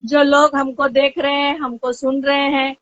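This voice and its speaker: A woman's voice: sits high, flat delivery, measured pace, no echo, dull audio. A woman guest in a casual chat, agreeing emphatically and repeating her affirmations. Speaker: guest, fraud victim.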